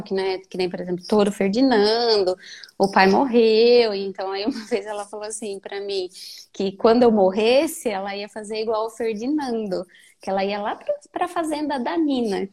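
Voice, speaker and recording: A woman in her thirties speaking gently and thoughtfully in a reflective conversation, with many soft fillers. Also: fairly high pitch.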